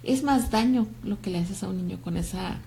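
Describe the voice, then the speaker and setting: A woman with a Mexican Spanish accent hosting a talk show, animated and joking, greeting viewers by name. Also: medium pitch, a little fast, creaky, a little hiss or hum. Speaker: host. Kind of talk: lively talk show chat.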